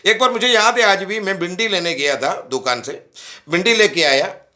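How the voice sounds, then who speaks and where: A man's voice: high voice, moderate pace. A man giving a devotional message as a story, talking straight to young listeners and acting out the lines of the people in it. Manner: animated, acts out quoted dialogue; addresses young listeners directly.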